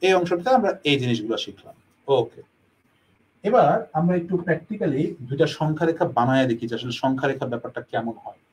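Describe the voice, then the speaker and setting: A man's voice: mid-range voice, animated, quick pace, darkish tone, slightly rough, low-quality recording. A man teaching a math lesson, explaining step by step and answering his own questions.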